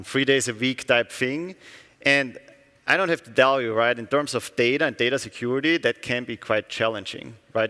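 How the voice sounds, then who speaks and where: A man's voice: mid-range voice, a bit bright. Austrian-born man giving a keynote in a hall. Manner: conversational, often asks "right?" of the audience. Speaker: company executive giving a keynote. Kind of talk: conference keynote talk. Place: conference hall. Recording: long hall reverb.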